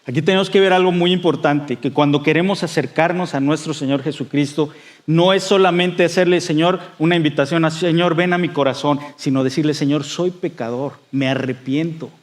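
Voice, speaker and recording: A man preaching a sermon in a conversational way, with frequent fillers and restarts, and acting out quoted voices with rising excitement. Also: a little high, brisk. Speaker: pastor.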